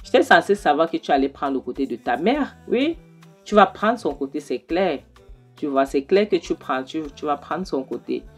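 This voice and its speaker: A harsh, scornful father, voiced plainly by a woman narrator in a retold film story, speaking low and menacing. His words come out cutting and contemptuous. Faint music plays underneath. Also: big pitch swings, moderate pace, slightly rough, exaggerated voice. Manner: scornful, threatening. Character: harsh accusing father, middle-aged man.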